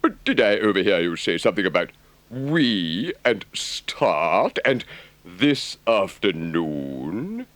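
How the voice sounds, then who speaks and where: A man voicing a good-natured, worldly river rat in an audiobook, with a deliberate, emphatic gentlemanly drawl. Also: low voice, big pitch swings, dry recording, heavily acted. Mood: suspicious. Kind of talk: audiobook character voice.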